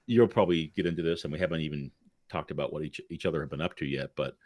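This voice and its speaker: A man's voice: rumbling low, rapid-fire, darkish tone, no room sound, clean studio sound. A man co-hosting a podcast, chatting casually, who teases his co-host and laughs often. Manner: teasing, playful, laughs often. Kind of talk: casual chat.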